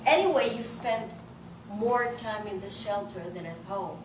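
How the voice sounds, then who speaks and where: A woman's voice: mid-range voice, animated. Middle-aged Israeli-accented woman, distant and roomy. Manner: halting, searching for words in non-native English. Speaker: journalist being interviewed. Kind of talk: informal interview, telling personal anecdotes. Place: indoors in a living room, seated on an armchair. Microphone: distant camera microphone. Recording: roomy, noisy recording from a distance.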